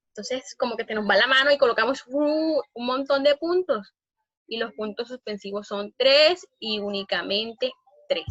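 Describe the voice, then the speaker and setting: A woman teaches a grammar lesson with a bright, slightly high voice. She stresses her points firmly and stops often on fillers and restarts. The recording is close and dry, with a somewhat muffled, lo-fi tone. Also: no room sound.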